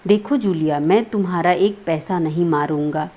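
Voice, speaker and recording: A woman's voice: on the low side, moderate pace, close to an everyday voice. A woman reading as a stern, angry master of the house. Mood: lecturing. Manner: loud, nearly shouting, scolding.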